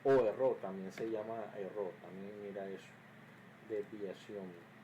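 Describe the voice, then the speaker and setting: A man talks through an electrical circuits lesson in a mellow, relaxed voice, stopping on fillers and restarts as he explains. He sometimes drops into a quieter mutter while checking his own work. A faint hiss sits under the recording. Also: on the low side, normal speed, poor audio. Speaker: engineering teacher.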